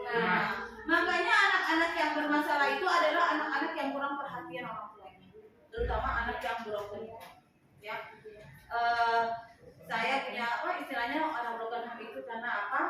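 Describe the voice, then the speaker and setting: High-voiced woman counselor lecturing in an echoey classroom. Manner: conversational, chatty, teasing the class, with lively rises. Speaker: school counselor. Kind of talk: classroom guidance lesson. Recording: echoey classroom from far off, noisy.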